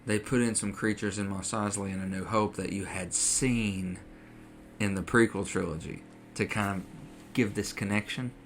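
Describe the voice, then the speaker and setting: A man's voice: fairly low pitch, steady tone, normal speed, a little hiss or hum. A man co-hosting a casual podcast, chatting enthusiastically and acting out quotes. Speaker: podcast co-host. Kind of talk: casual chat.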